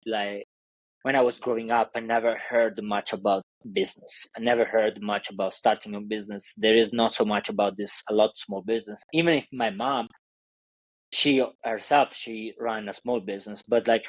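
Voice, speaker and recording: A man's voice: fairly low pitch, steady tone, normal speed, dry recording, poor audio. A man with an Italian accent speaking as a business coach in a casual interview, in loose non-native English full of fillers and restarts. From Italy.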